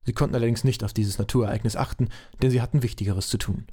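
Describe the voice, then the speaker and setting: A man's voice: mid-range voice, steady tone, very fast, mellow, breathy edge. A man narrating an amateur audio drama in a dry, matter-of-fact way.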